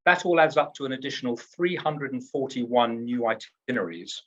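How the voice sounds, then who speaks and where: A man's voice: medium pitch, normal speed, muffled recording, slight background noise. A man from the UK, a cruise line executive in a trade interview, talks up his company in an upbeat, salesy way and often restarts his words.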